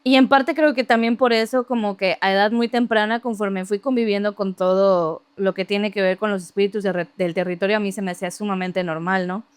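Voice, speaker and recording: A woman telling a story from her childhood in casual, lively conversation, laughing often and imitating other people's voices. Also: medium pitch, a little fast, hardly any pauses, clean tone, no room sound. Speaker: podcast guest.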